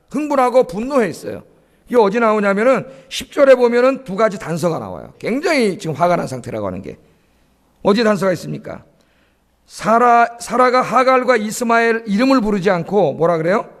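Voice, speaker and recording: Man pastor with a high voice preaching a Sunday sermon in church, often stopping to quiz the congregation. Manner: asks the congregation questions and answers them himself; often adds a questioning "예?". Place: church sanctuary.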